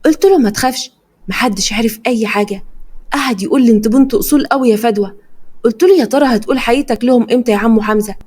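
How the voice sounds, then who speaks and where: A woman's voice: a little high, breathy edge. A young woman with an Egyptian accent narrating a first-person story, voicing every character's dialogue herself. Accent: Egyptian Arabic. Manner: quick, lively dialogue voicing.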